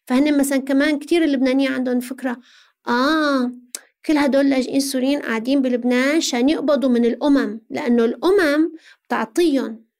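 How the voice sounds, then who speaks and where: A woman's voice: sits high, steady tone, quick pace, darkish tone. A middle-aged woman with a Syrian accent, speaking as an interview guest in an earnest, explanatory way with rhetorical questions. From Syria, Aleppo.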